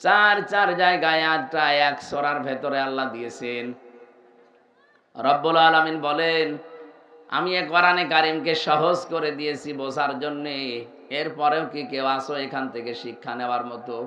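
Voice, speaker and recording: A male preacher with a Bangladeshi Bengali accent gives a sermon to a large gathering, jumping from loud shouted peaks to low quiet asides, chanting verses and quizzing the crowd like a class. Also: moderate pace. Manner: questions and drills the crowd like a class. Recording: echoey, dull public-address sound.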